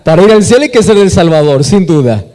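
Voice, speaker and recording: A man's voice: sits high, lively intonation, quick pace, a little mellow. A Peruvian man preaching a sermon with emphasis, asking the congregation questions and answering them himself. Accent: Peruvian Spanish. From Peru. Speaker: pastor. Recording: echoey hall with long reverb.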